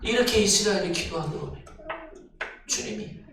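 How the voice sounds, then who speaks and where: A male pastor preaching a sermon, asking the congregation questions and rising to near-shouts. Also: high-pitched, lively intonation, moderate pace. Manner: talks straight to the congregation with questions. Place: church sanctuary. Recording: echoey church hall, distant mic, noisy.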